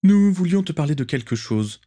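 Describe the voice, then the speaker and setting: A man playing an excitable young noble wizard. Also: a little high, moderate pace, pitched above the performer's own voice. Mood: eager. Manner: animated, earnest.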